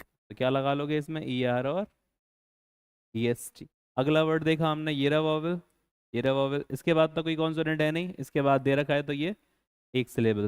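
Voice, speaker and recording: A man's voice: a little high, clear, resonant tone, no echo, clean studio sound. A man teaching a grammar lesson, asking his students rhetorical questions and repeating key points. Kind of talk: classroom-style grammar lesson.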